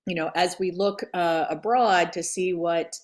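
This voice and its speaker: Earnest woman legislator guest with a somewhat low voice, halting with pauses. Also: steady tone. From Greece and Delaware. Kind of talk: interview conversation.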